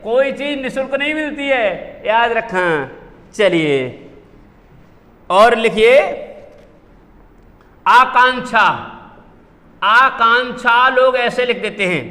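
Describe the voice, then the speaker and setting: High-voiced teacher in a reverberant hall. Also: male voice, expressive, slow, pauses often, sharp tone. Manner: drills words, repeats and quizzes students. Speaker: Hindi spelling teacher. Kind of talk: classroom lesson.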